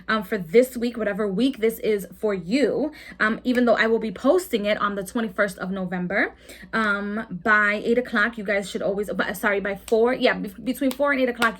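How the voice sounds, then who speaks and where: A woman's voice: medium pitch, fairly quick. A young woman giving a casual weekly tarot reading, rambling and repeating herself with many ums and restarts. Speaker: tarot reader.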